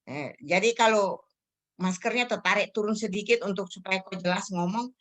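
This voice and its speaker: A woman's voice: mid-range voice, moderate pace, fairly bright tone. A middle-aged woman tells her church testimony in a loose, heartfelt way. She rambles, stops to search for words and starts her sentences over. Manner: emotional, rambling with frequent fillers and self-corrections. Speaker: church member sharing a testimony. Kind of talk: casual spoken testimony.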